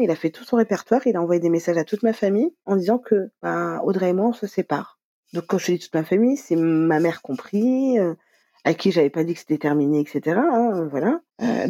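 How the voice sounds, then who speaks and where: A woman's voice: lowish voice, mellow, husky, no echo. A woman telling her own story in a conversational interview, quoting dialogue, with many fillers. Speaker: guest. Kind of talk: personal testimony interview.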